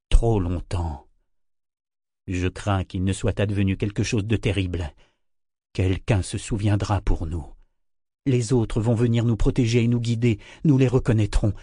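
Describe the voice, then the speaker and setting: A man voicing a large, weary old male serpent who speaks slowly and haltingly in a storybook reading. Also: fairly low pitch, fairly even intonation, dark tone, husky, no room sound, clean studio sound. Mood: solemn. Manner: slow, halting, solemn.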